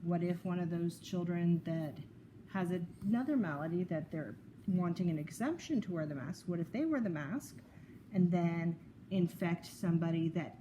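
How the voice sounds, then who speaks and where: A woman co-hosting a podcast who talks in a measured way, raising questions and sharing an article. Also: fairly low pitch, noisy background. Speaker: podcast co-host. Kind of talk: casual discussion, sharing articles.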